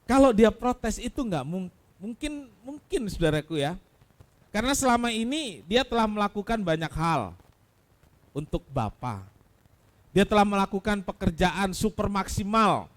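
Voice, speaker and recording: Man, pastor, Indonesian accent, sermon, fairly high voice, loud cries then hushed asides, rhetorical questions. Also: sing-song, measured pace. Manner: swings between loud exclamations and soft low asides; addresses listeners as saudaraku.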